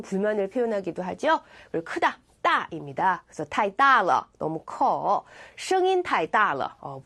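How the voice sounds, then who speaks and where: Lively woman teaching a language lesson. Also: on the high side. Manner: explains step by step, reads Chinese phrases slowly. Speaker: Chinese language instructor. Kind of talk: online lecture.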